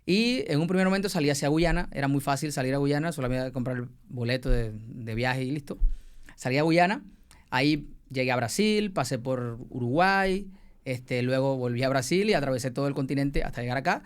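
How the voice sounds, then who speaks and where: A young man from Cuba with a Cuban accent, a former teacher telling his migration story with hesitant pauses. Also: medium pitch, clear, resonant tone. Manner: hesitant, many fillers and pauses. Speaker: guest, former biology teacher.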